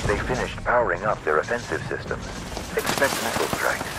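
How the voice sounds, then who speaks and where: Homer, a robot faking human. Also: male voice, fairly low pitch, very animated, brisk. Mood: formal. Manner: stiff, formal commands. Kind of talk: video game mission dialogue. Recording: loud gunfire and combat noise.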